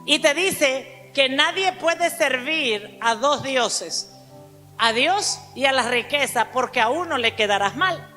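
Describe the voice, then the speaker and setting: A woman preaching a sermon to a congregation, emphatic, calling out to the listeners and spelling out words slowly. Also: high voice, lively intonation, pushed and bright. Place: church hall. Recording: church hall reverb with faint music.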